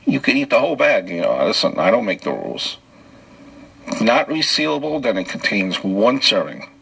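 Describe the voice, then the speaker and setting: Gravelly, husky-voiced man joking solo. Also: on the low side, big pitch swings, moderate pace, fairly bright tone, low-quality recording. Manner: wry joke-telling, chuckling between bits; loose and off-the-cuff, with restarts. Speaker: podcast host. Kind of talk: solo comedic podcast monologue.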